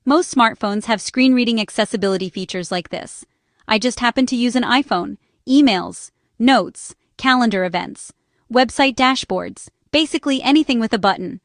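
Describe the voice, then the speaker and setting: A small business owner narrates a scripted explainer on accessibility, reading short, instructional phrases. Her voice is a little high, and the studio sound is clean, with no room sound.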